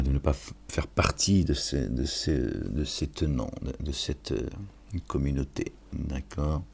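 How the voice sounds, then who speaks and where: Here the voice is bass, gravelly and husky, with a dark tone. The man, an online religious and political commentator, offers a casual sermon-like take on scripture, speaking to his audience familiarly and frequently checking in with questions.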